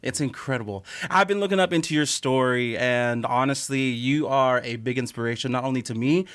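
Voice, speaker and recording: A man's voice: mid-range voice, fairly quick, fairly bright tone, clear, resonant tone. A man hosting a radio interview in a studio, enthusiastic, with many fillers and restarts. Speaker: radio host.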